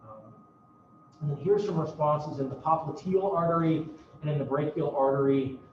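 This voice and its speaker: A man's voice: fairly high pitch, normal speed, background noise. Casual, cursing male lecturer in a roomy classroom. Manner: casual, profane, self-mocking teaching. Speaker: university lecturer. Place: university classroom. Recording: roomy, distant, dull classroom recording.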